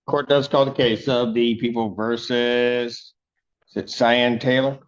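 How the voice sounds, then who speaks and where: A man serving as judge, reading out sentencing and court orders in a measured, formal way, heard in a courtroom recording. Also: medium pitch, flat delivery. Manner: measured, formal, with occasional fillers. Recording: dull, lo-fi courtroom audio.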